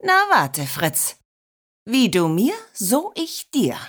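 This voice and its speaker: A woman's voice: medium pitch, huge pitch swings, takes it slowly, breathy edge, heavily acted. A woman voicing a cheeky grandmother who scolds and plays pranks, switching to a sugary-sweet tone. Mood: scheming. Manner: mock-stern, then sugary sweet.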